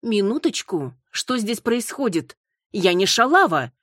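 A woman's voice: low-pitched, expressive, normal speed, a little mellow, breathy edge, no room sound, clean studio sound, full character voice. A woman reading a bewildered young woman. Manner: confused, indignant.

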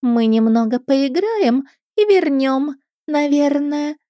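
A woman voicing petulant teenage mermaid girls with a high, ringing girlish voice in an audiobook. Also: lively intonation, slow pace, dark tone, no room sound, clean studio sound. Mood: teasing. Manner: petulant and teasing. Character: bratty teenage mermaid girls, shrill and capricious.

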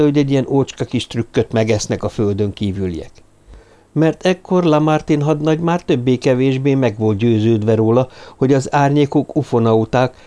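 A man's voice: mid-range voice, warm tone. Man narrating a suspense audiobook. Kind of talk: scripted narration.

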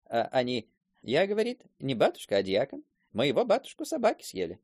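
An actor playing a talkative old village man in a radio play, in a husky, creaky voice that mimics others as he tells his tale. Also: medium pitch, wildly swooping pitch, fairly quick, darkish tone, no room sound, clean studio sound, exaggerated voice. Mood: gossiping. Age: older. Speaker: storyteller character.

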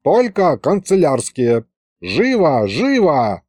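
A man voicing a shrewd, kindly old grandfather who talks slowly in a folksy, coaxing way. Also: on the high side, huge pitch swings, darkish tone, no room sound, studio quality, heavily acted. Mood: urgent.

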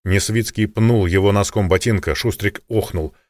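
A man narrating an audiobook in a steady, matter-of-fact way. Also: lowish voice, moderate pace, no room sound, clean studio sound. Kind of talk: scripted narration.

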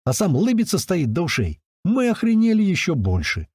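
A man's voice: high-pitched, moderate pace, husky, no room sound, clean studio sound. A man narrating an audiobook in the first person, in a colloquial storytelling manner. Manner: colloquial storytelling with lively intonation.

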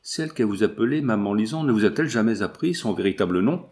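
A man's voice: lowish voice, expressive, fast talker, a little mellow, close to an everyday voice. A man voicing a frightened young woman who pleads for help, in a storybook reading. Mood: distraught.

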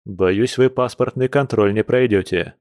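Guy doing a dry, wry big-brother wolf, lowish voice, storybook. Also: measured pace, darkish tone, no echo, lightly acted. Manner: dry, philosophical.

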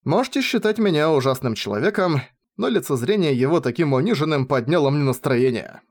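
A man narrates a first-person novel as an audiobook reader. His voice sits a little high and moves with lively, expressive intonation. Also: fairly quick.

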